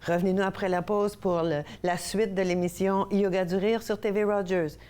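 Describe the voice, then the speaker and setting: Leading laughter exercises on her TV show, this laughter yoga instructor from Quebec, Canada, speaks Québécois French and laughs a lot in a bubbly, upbeat way. The recording is smooth, and her darkish mid-range voice keeps a steady tone at moderate speed.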